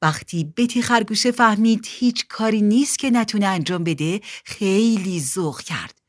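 A woman narrating a children's storybook in an expressive reading. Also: mid-range voice.

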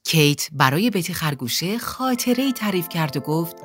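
A woman narrating a children's storybook in an expressive reading. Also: fairly low pitch, loud music behind the voice.

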